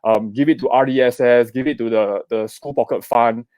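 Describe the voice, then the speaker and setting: In this live online seminar at a virtual summit, a middle-aged man with a Singaporean accent talks investing fairly quickly, his mid-range voice darkish and fairly even. He peppers his talk with "okay?" and "right?" and asks viewers to type in the comments, with no room sound audible.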